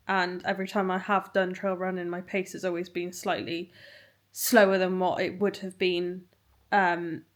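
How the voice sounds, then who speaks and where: Tired British woman vlogging, unhurried. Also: mid-range voice. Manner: tired, rambling. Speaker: running vlogger. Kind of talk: casual chat to camera.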